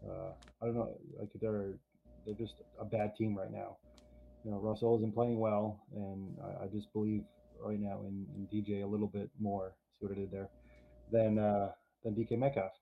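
Gravelly low man on a tinny line. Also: little pitch movement. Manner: halting, with many restarts and fillers, teasing. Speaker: co-host. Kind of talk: casual fantasy football chat. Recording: tinny phone-like line with faint noise.

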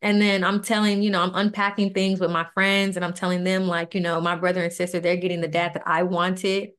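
A woman's voice: lowish voice, brisk. A woman, a podcast co-host telling a personal story in casual, earnest speech and acting out the dialogue. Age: 20s. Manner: earnest, animated retelling with quoted dialogue.

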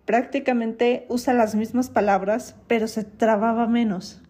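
A woman's voice: on the high side, fairly even intonation, measured pace, dark tone, slightly rough. A woman from Mexico with a Mexican accent hosting a podcast, chatty and opinionated, with an occasional self-mocking laugh. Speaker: podcast host. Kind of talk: casual podcast commentary.

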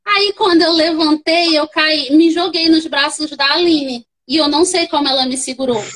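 On a low-quality recording, a young podcast guest with a Brazilian Portuguese accent relates her own story with lively, casual energy, doing the voices of the other people involved. She has a high voice and talks at a normal speed.

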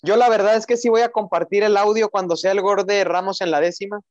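A man's voice: high-pitched, steady tone, fast, dry recording. A young man co-hosting a football podcast as an emotional fan, chatting casually and repeating his phrases. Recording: roomless dry, slightly dull lo-fi audio.

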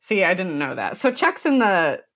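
A woman's voice: fairly low pitch, sing-song, moderate pace, fairly bright tone. A young American woman from the United States, a podcast guest chatting casually, rambling with many fillers and frequent laughter. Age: young adult.

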